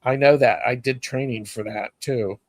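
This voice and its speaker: A man's voice: mid-range voice, fairly even intonation, moderate pace, no echo. A man hosting a casual spiritual discussion, telling personal stories earnestly, getting emotional at times.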